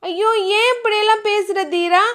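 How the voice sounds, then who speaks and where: A woman voicing an innocent, childlike young woman who pleads in a high, anxious voice, in a romance audiobook. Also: normal speed, a bit bright. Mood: pleading.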